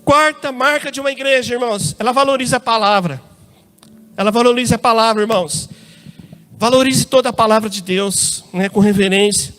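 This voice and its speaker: Brazilian male preacher, very high voice, church sermon, folksy anecdotal delivery. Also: a little fast, a bit bright. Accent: Brazilian Portuguese. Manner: addresses congregation as brothers, tells personal anecdotes.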